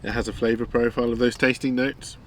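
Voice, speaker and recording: A man's voice: mid-range voice, flat delivery, fast talker, slight background noise. A man streaming live while cooking outdoors, chatting casually with fillers and frequent laughs. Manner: rambling, chatty, many fillers, laughs often. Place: outdoors in a garden.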